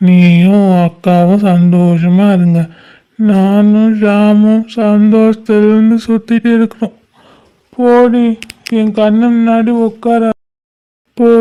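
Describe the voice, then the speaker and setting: A woman's voice: mid-range voice, dark tone, smooth, close to an everyday voice. A woman voicing a heartbroken, bitter young man in a homemade cartoon, with a brooding, reproachful way of talking.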